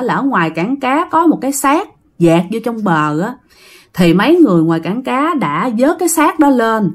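A woman telling a ghost story in a chatty, casual way, often talking straight to her listeners. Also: fairly high pitch. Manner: chatty, addresses the listeners directly.

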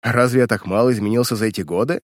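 A man voicing a calm, dryly mocking disguised policeman in an audiobook reading. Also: mid-range voice, moderate pace, no echo, clean studio sound, natural voice.

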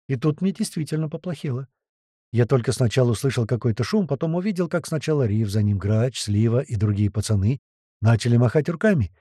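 A male narrator telling a first-person adventure with animated, swooping intonation. His voice is dark and mellow, recorded dry and close with no room sound. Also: medium pitch, no room sound. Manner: lively, vivid storytelling. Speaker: audiobook narrator.

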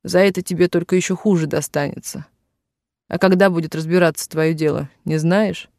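A man reading the lines of a grieving elderly factory worker, in halting, tearful speech, in a dry room. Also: on the high side, fairly even intonation, a little mellow, no room sound, natural voice. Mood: anguished.

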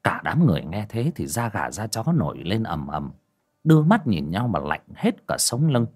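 A man's voice: lowish voice, very animated, moderate pace, a little mellow, breathy edge. A man narrating a ghost story as an audiobook, with dramatic delivery.

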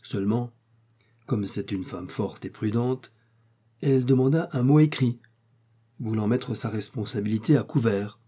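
A man narrating a classic story in a measured, expressive reading. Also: medium pitch, breathy edge.

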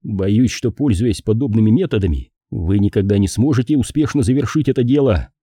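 A man's voice: fairly low pitch, animated, a little fast, mellow, no room sound. A man voicing a sardonic, hard-drinking male private detective with a dry, mocking manner, in an audiobook reading.

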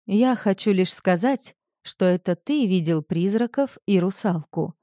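A woman's voice: medium pitch, a little slow, no room sound, studio quality, natural voice. A woman reader voicing a cool, stern woman who answers curtly. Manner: curt, calm, snapping.

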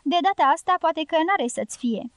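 A blunt, teasing guerrilla woman with a strong, pleasant voice, as a woman reads her out. The voice sits high and the recording is dry and close, with no room sound. She jokes with an edge. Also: animated, dry recording. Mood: bold teasing. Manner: teasing, forceful.

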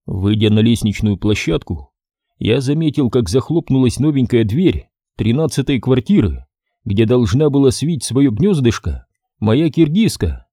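A man narrating a first-person detective story in a wry, expressive reading. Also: medium pitch, a little slow, husky, no echo, clean studio sound. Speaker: audiobook narrator.

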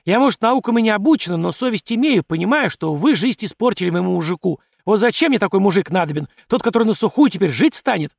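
A man voicing a loud, coarse, domineering peasant wife who scolds and bosses everyone. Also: animated, quick pace, creaky, hardly any pauses, dry recording, clean studio sound, exaggerated voice. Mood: scolding. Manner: shrill, scolding, bossy.

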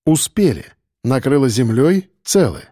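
A man narrating an audiobook in the first person in a steady, tense storytelling manner. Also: medium pitch, normal speed, no room sound, clean studio sound.

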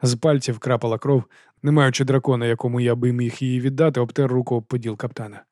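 A man reading a fantasy audiobook, narrating in a measured first-person storytelling manner. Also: medium pitch, level tone, dark tone, dry recording, clean studio sound.

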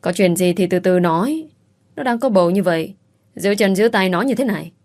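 Woman doing a smooth placating young husband for an audio story. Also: medium pitch, lively intonation, a little fast, a little mellow, lightly acted. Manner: soothing, placating.

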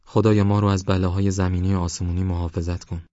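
Fierce young orphan woman voiced by a male reader, raised low voice, dry and slightly muffled. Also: flat delivery, mellow, no room sound, close to an everyday voice. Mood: defiant. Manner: fierce, pleading.

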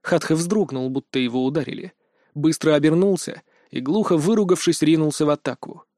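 Calm male audiobook narrator, dry close sound. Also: fairly high pitch, a little fast, no room sound. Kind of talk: first-person fantasy audiobook narration.

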